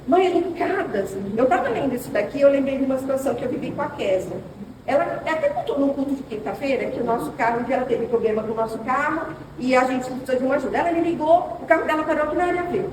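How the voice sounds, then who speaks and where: A middle-aged woman with a Brazilian accent and a high-pitched voice teaches a women's class in a church hall, animatedly sharing personal stories and speaking straight to the "sisters" listening. The far mic picks up a roomy hall with ambient noise.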